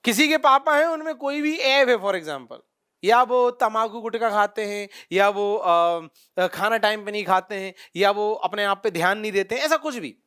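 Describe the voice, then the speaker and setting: Male coaching teacher, very high, bright voice, animated storyteller. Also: normal speed, clear, resonant tone. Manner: lively storytelling, addresses students directly. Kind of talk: classroom lecture with acted-out anecdotes.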